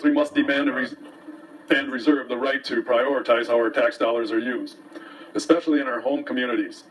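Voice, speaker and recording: A man's voice: medium pitch, fairly bright tone. A man hosting a local commentary show, giving an opinionated, folksy, aggrieved monologue to viewers, sometimes reading from papers. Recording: distant mic, faint background noise.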